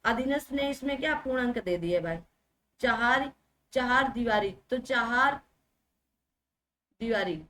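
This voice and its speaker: High-voiced woman teaching grammar. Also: bright, forceful tone. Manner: brisk, drills words, repeats them, asks rhetorical questions. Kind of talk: exam-prep grammar lesson.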